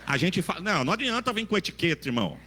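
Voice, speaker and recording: Fervent preacher. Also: male voice, sits high, very animated, rapid-fire, big-room sound, slight background noise. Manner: fervent, folksy preaching with swings from loud to quiet. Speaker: pastor. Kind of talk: sermon.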